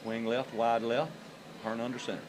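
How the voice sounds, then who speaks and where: A man's voice: medium pitch, level tone, normal speed. A man giving conversational play-by-play of a football game in a folksy, informal way. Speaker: play-by-play announcer for high school football. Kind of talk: conversational live sports commentary. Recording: live game broadcast with clear background noise.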